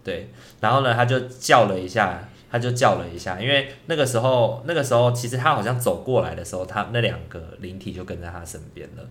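Brief: low-pitched podcast co-host, rambling ghost-story teller with frequent restarts. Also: male voice, quick pace, fairly bright tone. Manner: rambling, with many restarts and filler words. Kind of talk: casual ghost-story chat. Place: indoor recording at night.

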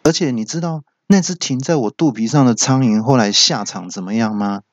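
Man putting on a gloating pot-bellied manager, boastful, raised pitch, dull dry recording. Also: brisk, no echo, natural voice.

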